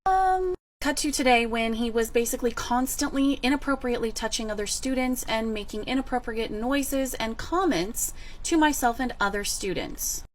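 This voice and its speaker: A woman's voice: fairly high pitch, lively intonation, moderate pace, a little hiss or hum, lightly acted. A woman voicing a fed-up sarcastic teacher. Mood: calm, explaining. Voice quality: crisp, cutting, sarcastic. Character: fed-up female teacher, stern and articulate. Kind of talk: animated storytime voice acting.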